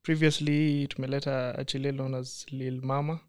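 A man's voice: mid-range voice, flat delivery, moderate pace, darkish tone, smooth. A man with a Kenyan accent talking casually as a podcast guest, switching between English and Swahili slang. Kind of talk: casual chat.

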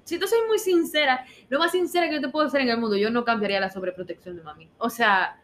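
A woman's voice: on the high side, fast, a bit bright, a little hiss or hum. A woman, chatting casually with a friend as co-host and slipping in English phrases. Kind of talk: casual chat between friends.

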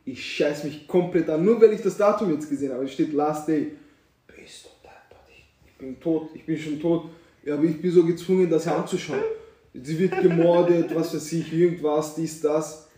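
A young man tells a story to his friends, slangy and animated, acting out the scenes. His voice is a little high and mellow. The room around him is echoey. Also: moderate pace, far from the mic. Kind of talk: casual storytelling among friends.

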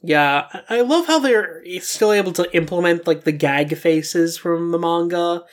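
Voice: medium pitch, measured pace. A young adult podcast host leading a casual discussion about animation with friends.

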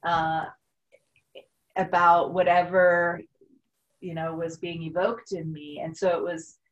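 A woman's voice: on the low side, level tone, slow, muffled recording. A woman talking earnestly and reflectively in a casual spiritual conversation, with frequent fillers.

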